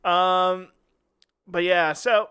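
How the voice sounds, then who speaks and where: A man's voice: high voice, steady tone, drawn-out words, bright, forceful tone, smooth. Upbeat, giggly male podcast co-host. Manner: upbeat, laughs often, jokey. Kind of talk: casual chat.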